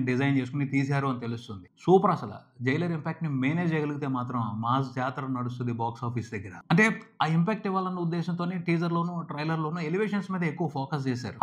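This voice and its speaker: Brief: male film commentator, emphatic and punchy, mid-pitched, very fast. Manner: emphatic and hyped, piling up short exclamations. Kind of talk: enthusiastic film trailer review.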